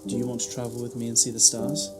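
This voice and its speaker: An actor plays a reflective male time traveller in an audio drama, speaking in a measured, theatrical way. The voice is medium in pitch, with music clearly playing behind. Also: completely flat delivery, lightly acted. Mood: reflective, grave. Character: the Doctor, philosophical alien time traveller, reflective.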